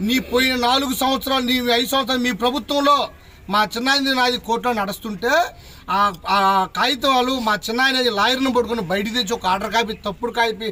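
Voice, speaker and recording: A man who is a local elected official, furiously shouting insults and challenges at a press conference. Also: very high-pitched, steady tone, quick pace. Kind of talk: angry press conference tirade. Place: press meeting.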